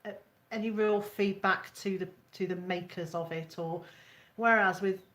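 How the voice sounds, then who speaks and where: A woman talking as a guest in a casual live chat, easygoing and talking in quick bursts. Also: medium pitch, fairly even intonation, a bit bright.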